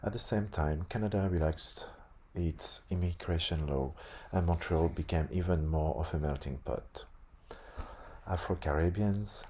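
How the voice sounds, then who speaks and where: A man with a lisp reading aloud haltingly, stumbling and correcting himself, with casual asides. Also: low voice, darkish tone, husky. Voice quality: lisp on s sounds. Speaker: host reading a tabletop game sourcebook aloud.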